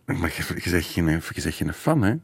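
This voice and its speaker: A man's voice: low-pitched, sing-song, normal speed, creaky, breathy edge. A Flemish man hosting a radio interview with a playful, teasing manner. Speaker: radio host.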